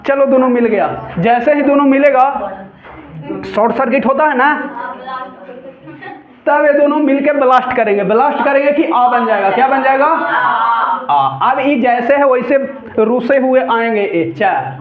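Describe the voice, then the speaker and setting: A man's voice: very high-pitched, expressive, unhurried, long pauses. A man with a Bihari Hindi accent teaching a grammar lesson to a classroom, constantly asking questions and repeating the key sounds for students to answer. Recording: echoey room, tinny phone-like sound.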